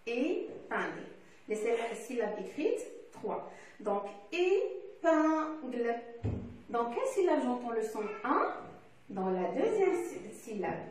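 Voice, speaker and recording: A woman teaching young children, reading instructions slowly and repeating each word with care. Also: fairly high pitch, sing-song, a little mellow. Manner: slow, deliberate, repeats and stresses each word. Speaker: primary school teacher. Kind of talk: classroom lesson for young children. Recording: echoey room, voice far from mic, faint hiss.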